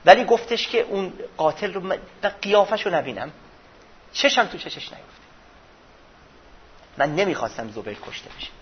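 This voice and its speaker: A man giving a religious history lesson, retelling events dramatically and swinging from loud passages to hushed ones, with a husky voice. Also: high-pitched, lively intonation, long pauses, lo-fi sound, slight background noise. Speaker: religious teacher.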